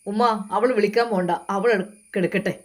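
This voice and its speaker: Angry young husband done by a woman reader, voice pushed lower, snappy accusing. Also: fairly even intonation, fairly quick, natural voice.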